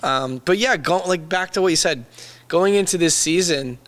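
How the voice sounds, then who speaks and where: A hoarse young man who has lost his voice, chatting casually and jokingly as a podcast co-host. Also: on the high side, normal speed, fairly bright tone. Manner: laid-back, slangy, jokey. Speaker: toy shop owner and podcast co-host.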